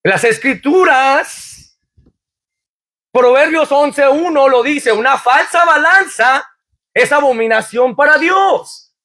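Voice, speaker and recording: A man's voice: extremely high pitch, takes it slowly, pushed and bright. A man preaching a sermon in a church as pastor, quoting scripture fervently and asking the congregation rhetorical questions.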